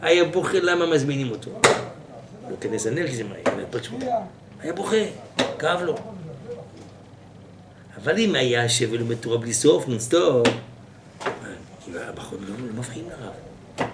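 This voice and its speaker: A man giving a lively sermon as a rabbi, telling anecdotes with sudden exclamatory outbursts. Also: fast talker, long pauses. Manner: animated, exclamatory storytelling with sudden high outbursts. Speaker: rabbi giving a Torah class. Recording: echoey room, voice from far off, noisy.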